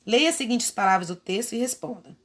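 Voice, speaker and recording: A woman's voice: a little high, animated, brisk, fairly bright tone. Patient woman teaching a lesson. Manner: patient, explains step by step with diminutives. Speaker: primary school teacher. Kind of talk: remote lesson, correcting workbook exercises.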